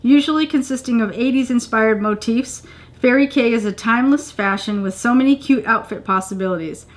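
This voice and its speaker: Sitting on a couch in her home living room, a middle-aged woman unboxes a subscription box and chats casually to the camera in a fairly high voice, a little fast. Plain remarks alternate with gushing exclamations.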